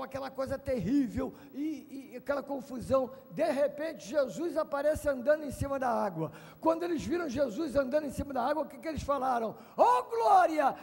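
High, gravelly pastor preaching. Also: male voice, in a large hall. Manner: emphatic preaching with shouts and call-and-response. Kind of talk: sermon. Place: large congress hall.

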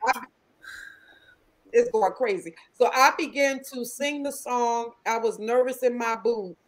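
A woman guest, a gospel singer, telling her story in an animated way over a video call, often laughing. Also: a little high, unhurried, poor audio.

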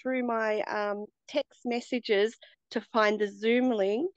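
A woman's voice: on the high side, fairly even intonation, takes it slowly, no room sound, muffled recording. Chatty woman on a video call. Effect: heard over a video call. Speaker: course participant. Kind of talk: casual video-call chat. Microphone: computer or phone on a video call.

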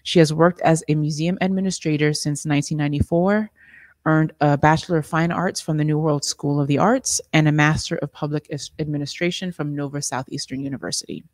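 Deep-voiced woman moderator, dry sound. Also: fairly even intonation, a little fast, no echo. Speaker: panel moderator. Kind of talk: reading speaker introductions. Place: art gallery room, indoors.

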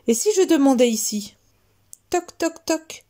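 A good-natured, clumsy wolf from a children's storybook, as a woman reader puts him on. He speaks slowly in a raised, mellow voice, earnest and a touch flustered. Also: high voice, expressive, pitched above the performer's own voice. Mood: cheerful.

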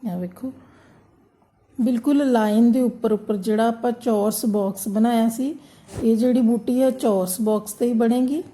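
A woman, gently talking viewers through an embroidery tutorial step by step. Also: on the high side, moderate pace. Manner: gentle, repetitive instructional tone. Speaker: embroidery teacher. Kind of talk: step-by-step craft tutorial narration.

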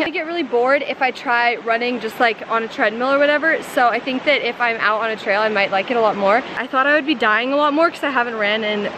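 A woman's voice: a little high, background noise. A woman in her twenties chatting casually to a handheld camera at arm's length, upbeat and full of "like". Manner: chatty, upbeat, filler-heavy "like". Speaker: vlogger. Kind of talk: casual vlog chat. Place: small wooden cabin indoors, then forest trail outdoors.

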